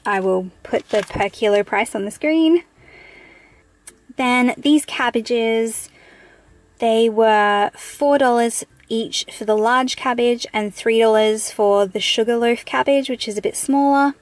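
A woman's voice: on the high side, takes it slowly, dry recording. Chatty Australian woman with a dry, close sound. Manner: chatty, thrifty, matter-of-fact price rundown. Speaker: vlogger. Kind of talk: casual grocery haul vlog. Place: inside a parked car.

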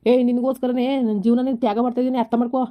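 A woman's voice: a little high, flat delivery, very fast, close to an everyday voice. A woman playing a harried husband caught between his wife and his mother, talking in an exasperated, scolding way in a village comedy skit. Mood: bitter. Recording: slightly dull lo-fi recording.

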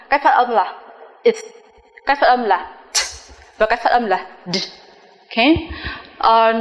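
Woman teacher, slightly high voice, slow careful delivery with repeated drill words, recorded in a reverberant room. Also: highs cut off. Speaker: English teacher. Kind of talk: recorded pronunciation lesson. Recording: echoey room with long reverb.

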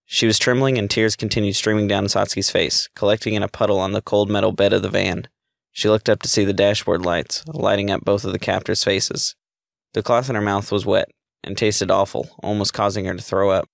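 Male storyteller, low pitch, gravelly tone, dry close sound. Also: level tone, fairly quick, dry recording. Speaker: narrator. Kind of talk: reading a story aloud.

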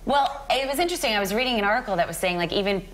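A woman's voice: mid-range voice, lively intonation, rapid-fire, fairly bright tone, slight background noise. A woman in her late twenties co-hosting a morning TV show, chatting loosely with lots of fillers on a studio couch. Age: late 20s. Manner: chatty, rambling with many fillers. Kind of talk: casual studio chat. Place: TV studio set, seated on couch.

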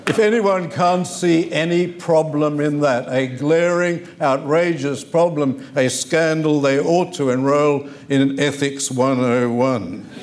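A man's voice: fairly high pitch, slow pace, few pauses, a little hiss or hum. An older man addresses a hall from a lectern in a mid-range voice. He speaks formally and emphatically, repeating key phrases to drive home his points. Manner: forceful, emphatic repetition. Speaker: convention speaker. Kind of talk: formal political speech. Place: conference hall on stage.

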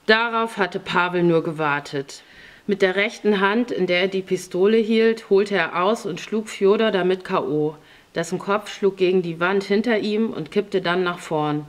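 A woman narrating a novel as an audiobook reader in a steady, plain storytelling manner. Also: medium pitch, moderate pace. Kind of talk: scripted narration.

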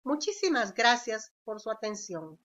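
A woman teacher with a Honduran accent, reading a scripted lesson slowly and carefully, with expressive intonation on the examples. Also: fairly high pitch, highs cut off.

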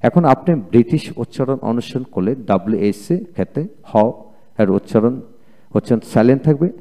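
A man's voice: mid-range voice, expressive, normal speed, dark tone. A man teaching English pronunciation, repeating each word twice and spelling out the letters. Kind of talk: vocabulary lesson, repeating words.

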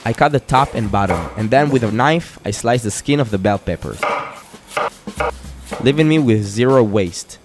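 A young man giving calm, step-by-step cooking instructions in a scripted voice-over. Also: on the low side, normal speed, noisy background. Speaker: fitness cooking creator. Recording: voice-over over loud music. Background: background music.

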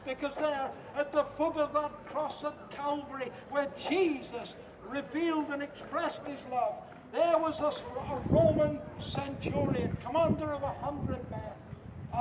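A man's voice: very high-pitched, noisy background. A man preaching an emphatic open-air sermon on the street, often calling out to his listeners as friends. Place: outdoors on a street. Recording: far-off echoey muffled street recording.

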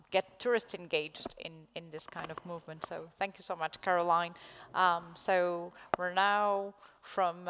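Low, gravelly middle-aged woman moderating. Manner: warm, polite thanking and linking speakers. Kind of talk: panel moderation. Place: conference stage in a large hall. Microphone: headset. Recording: long hall reverb.

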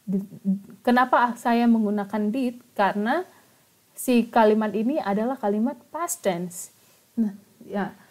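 A woman's voice: a little high, moderate pace, darkish tone. A woman with an Indonesian accent teaching English grammar in an online class. She switches between English and Indonesian and keeps asking the students questions. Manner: mixes Indonesian explanations into English, chatty, asks the class questions.

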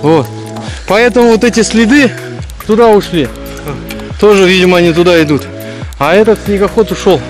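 Trudging through a snowy pine forest in deep frost, a forties-aged man vlogs his hike on an action camera held at arm's length. He sounds high-pitched and chatty at normal speed, breathless from the snow, with long pauses and music in the background.

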